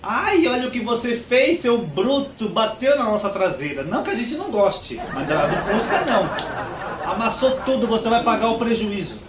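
A man voicing a flamboyant young man who screeches in a shrill, theatrical way, recorded far off in an echoey room. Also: expressive, moderate pace, over a noisy crowd, very noisy. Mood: indignant.

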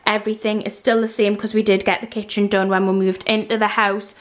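A young Geordie woman from Newcastle in North East England, speaking in a mid-range voice with a level tone and a brisk pace. She's a vlogger giving a casual, chatty house tour, walking through the house and garden while holding the camera herself. The recording sounds dry.

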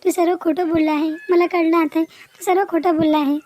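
A woman's voice: very high-pitched, fairly even intonation, fairly quick, a little mellow, a little hiss or hum. A woman voicing a young educated village woman in a cartoon, upset and confronting the boyfriend she ran away with. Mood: hurt. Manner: pleading then demanding, confrontational. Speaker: cartoon character. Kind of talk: Marathi cartoon voice acting.

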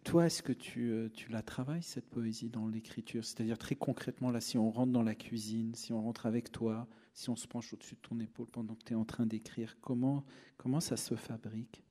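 A male interviewer at a live onstage talk, his voice mid-pitched with a dark, mellow color. He presses his guest with concrete, probing questions. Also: fairly even intonation, fairly quick.

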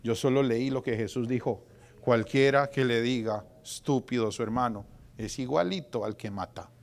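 A man in his forties preaching a sermon as pastor in a church, dramatic, going from loud outbursts to hushed whispers. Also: medium pitch, moderate pace. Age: 40s.

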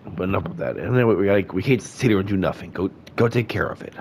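A gaming YouTuber with a deep voice and a stuffed-up nose talks fast with lively intonation while casually playing a game. He reads the character lines in his own voice and adds chatty asides, against a noisy background.

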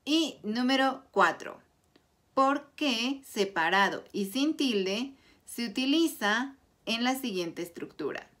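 A woman teaching a Spanish grammar lesson, explaining clearly and deliberately through example sentences. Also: on the high side, fairly bright tone. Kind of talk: slow scripted grammar lesson.

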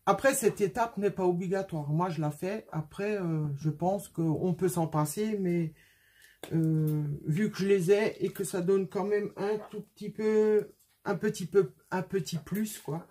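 A woman's voice: mid-range voice, unhurried, dark tone. A woman hosting a casual craft tutorial from her home workspace, talking in a chatty way with many hesitations.

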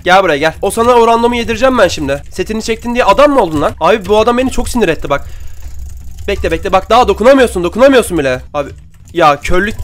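A man's voice: sits high, fairly bright tone. A young man giving casual commentary over his own gameplay, chatty and trash-talking opponents, with keyboard and mouse clicks at his desk mic. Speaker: gaming YouTuber. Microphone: desk microphone, keyboard and mouse clicks.

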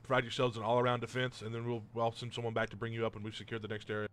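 A man leading a squad in an online war game, giving brisk commanding orders over voice chat. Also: mid-range voice, monotone, a bit bright, a little hiss or hum.

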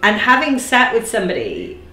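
A woman in her forties, a guest in an interview, speaking thoughtfully and slowing down to stress key phrases. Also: a little high, wildly swooping pitch, bright, forceful tone. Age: 40s. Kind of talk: reflective conversational interview. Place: bright living room, seated on a sofa. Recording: roomy echo.

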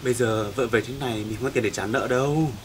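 A man's voice: medium pitch, quick pace, noisy background, natural voice. A man playing a broke, scheming husband in a comedy sketch, coaxing and pleading. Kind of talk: amateur comedy sketch acting.

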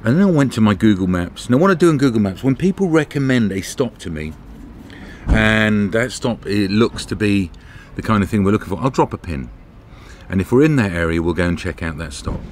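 At a campsite, a middle-aged British travel vlogger chats casually to a camera held at arm's length. His voice is on the low side and darkish, expressive and a little fast. The outdoor camera audio picks up background noise.

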